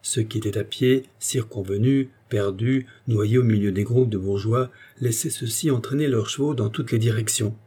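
A man narrating a classic novel as an audiobook, with expressive, theatrical delivery. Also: fairly low pitch, moderate pace, few pauses, husky.

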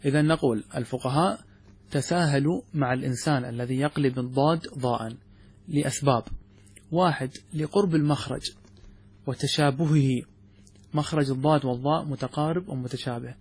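A man teaching religious law, explaining a text step by step and often asking his students whether it is clear. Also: medium pitch, a little fast, darkish tone. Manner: poses questions then answers them. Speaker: sheikh teaching Islamic jurisprudence. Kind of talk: classroom commentary on a text.

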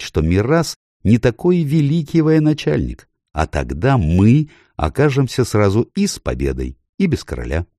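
A man reading an audiobook, voicing a calculating courtier lord who speaks smoothly and persuasively. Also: sits low, mellow, no echo, studio quality.

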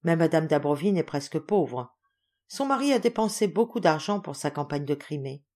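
A woman voicing a kind, thoughtful male officer who speaks in a measured and respectful way. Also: low voice, sing-song, darkish tone. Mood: earnest.

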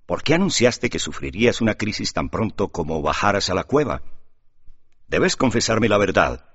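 A man voicing a proud, scornful young man with a husky voice, in an audiobook with a dull, lo-fi sound. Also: lowish voice, very animated, normal speed, a bit bright, no echo, exaggerated voice. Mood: arrogant. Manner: curt and arrogant. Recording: dull lo-fi recording.

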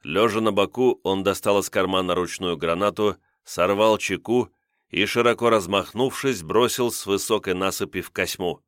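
A man narrating an audiobook in a steady, grave reading style. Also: deep voice, moderate pace, dry recording, studio quality. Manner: steady, grave reading of a wartime crime novel. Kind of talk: scripted narration.

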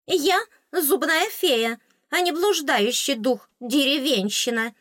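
A pint-sized tooth fairy squeaks and shrills with theatrical outrage, bossing someone around. The voice sits far above a normal speaking voice. The sound is dry and close, with no room around it. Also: female voice, takes it slowly, a bit bright, no room sound. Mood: indignant. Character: tiny squeaky female tooth fairy, bossy and indignant.

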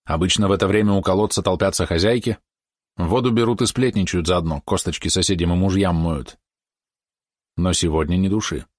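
Low-voiced male audiobook narrator. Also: brisk, dry recording, clean studio sound. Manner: steady storytelling.

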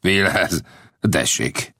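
A man's voice: sits low, animated, creaky, bright, forceful tone, husky, no echo, studio quality, exaggerated voice. A man voicing a cautious, widowed middle-aged blacksmith in an audiobook, earnest and warning. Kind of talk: audiobook character voice.

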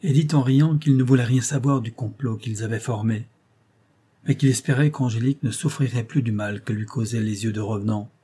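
A man narrating a classic tale as an audiobook in a steady storytelling manner. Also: medium pitch, a little fast, slightly rough.

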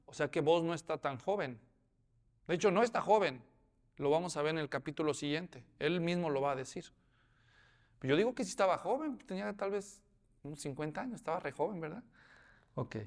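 A man's voice: on the high side, lively intonation, a little fast, pauses often. A man preaching a sermon, acting out the scenes in voices and putting questions to his listeners. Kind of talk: expository sermon.

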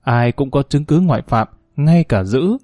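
A man narrating a village crime story in a steady, measured way. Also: mid-range voice, no room sound, studio quality.

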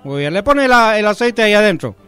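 Male guest cook, high voice, rambling and chatty. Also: very animated, fairly quick, a bit bright. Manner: rambling, chatty, asks "¿vio?" and "¿yo?" often. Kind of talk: casual radio chat, giving a recipe.

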